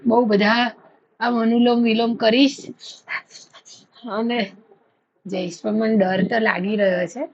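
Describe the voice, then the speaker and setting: Lady telling stories to her phone, kinda high voice, muffled lo-fi sound. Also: takes it slowly, pauses often. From India. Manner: chatty storytelling, animated when retelling. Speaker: vlogger. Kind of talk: casual chat to camera.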